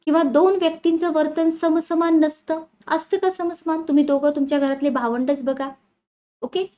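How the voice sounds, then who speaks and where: A woman's voice: high-pitched, steady tone, normal speed, dark tone. A woman teacher giving an exam-prep lecture. She talks in a conversational way and keeps asking the class questions.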